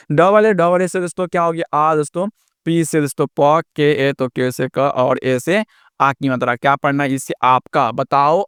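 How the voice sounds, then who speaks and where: Friendly teacher spelling words out slowly. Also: male voice, a little high, smooth, no room sound, clean studio sound. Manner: keeps adding "दोस्तों" and "है ना?" as check-ins. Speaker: English teacher. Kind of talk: spoken lesson on reading and writing English.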